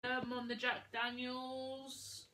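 A woman's voice: sits high, monotone, slow, bright, forceful tone, a little hiss or hum, low-quality recording. A woman bantering casually in a blunt, teasing way, picked up off camera on a phone. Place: small room indoors.

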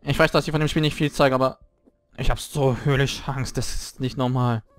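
A young man commentating a horror game he is playing, scared and swearing, his voice jumping up high when frightened. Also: steady tone, fairly quick. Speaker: let's play gamer.

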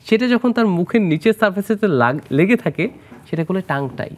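A man's voice: sits high, animated, a little fast, a little mellow. Man explaining surgery in a TV studio. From Bangladesh. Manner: explanatory, mixes English medical terms, asks host questions. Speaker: plastic surgeon guest. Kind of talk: studio health interview.

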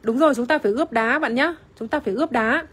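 A woman's voice: on the high side, quick pace, husky. A woman presenting wine on a phone livestream in casual chat, full of fillers and greeting viewers by name. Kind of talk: casual livestream product demo. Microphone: phone camera, iPhone.

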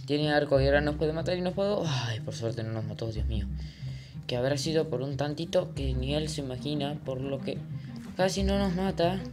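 Excitable man narrating his gameplay. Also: a little high, brisk, music in the background. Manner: excitable, swings from mumbling to loud outbursts; drops English exclamations and swears. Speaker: gaming channel host. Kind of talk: casual gameplay commentary.

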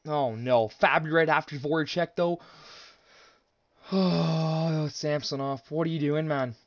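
A young man casually commenting on his own hockey video game, excitable, swearing and talking to viewers as "boys". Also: fairly high pitch, measured pace, no room sound, studio quality. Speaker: gaming YouTuber.

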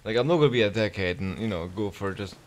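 A man with a Scottish accent and a fairly low voice talks fast as he plays a video game. A gaming video creator, he gives casual, rambling commentary full of swearing.

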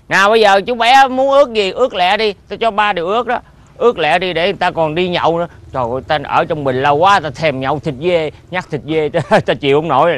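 A man with a Southern Vietnamese accent playing a boisterous male bottle genie who craves booze, talking loudly and laughing heartily. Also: high-pitched, no room sound. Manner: loud, blustery, laughs heartily. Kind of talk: comedy sketch acting.

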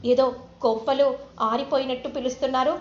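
A woman voicing a defiant, sharp-tongued young woman who snaps back, in an echoey room. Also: high voice, steady tone, brisk, a little hiss or hum, close to an everyday voice. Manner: snappy, defiant. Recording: roomy, slightly dull recording.

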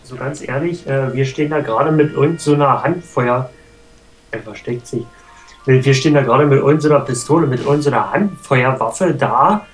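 A man's voice: mid-range voice, brisk. A man giving casual commentary as the second player in a let's play. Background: game music.

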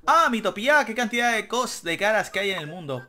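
A gaming YouTuber, a young man with a high, sing-song, bright and forceful voice, gives brisk joking let's-play commentary, reading game text aloud and swearing casually. Faint game music plays behind him.

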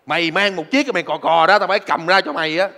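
An actor playing a stubborn, cheeky chauffeur in a stage comedy sketch, argumentative and lecturing. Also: male voice, fairly high pitch, fast, sharp tone. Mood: bickering. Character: stubborn wisecracking male chauffeur, the boss's old friend. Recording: live stage in a reverberant hall.

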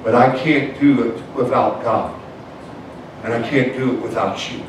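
A man preaching as a pastor, punctuating his lines with "amen" and calls to the church. He swings between soft, low passages and shouted, high climaxes. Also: steady tone, normal speed. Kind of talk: evangelical sermon. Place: church sanctuary, indoors. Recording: echoey church sound from far off, faint noise.

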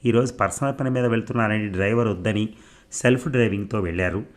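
A humble, courteous secretary addresses his employer's wife deferentially, voiced by a man reading the novel. The voice is low and deep, as in an audiobook. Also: fast talker, close to an everyday voice. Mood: grave. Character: humble, polite male secretary.

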